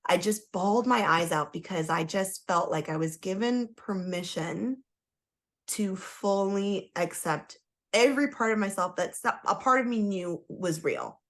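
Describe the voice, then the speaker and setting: Here a human design coach, born in Trinidad and Tobago and living in Toronto, tells her story as a podcast guest. Her medium-pitched voice moves a little slowly, and she's frank and emphatic, leaning on "like" often.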